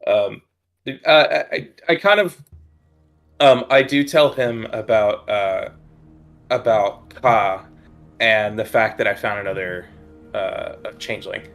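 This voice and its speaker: A man's voice: on the low side, creaky, a bit bright. A man playing a tabletop role-playing game, speaking casually and hesitantly as he improvises. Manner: halting, hesitant.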